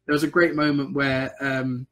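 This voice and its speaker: A man's voice: mid-range voice, flat delivery, normal speed, sharp tone. A man who runs tabletop games, rambling through game stories in casual chat and laughing often. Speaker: game master.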